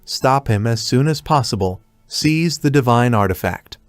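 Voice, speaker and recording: A man's voice: mid-range voice, animated, moderate pace, no echo, lightly acted. A man voicing an alarmed male rival, barking urgent commands in a storybook recap.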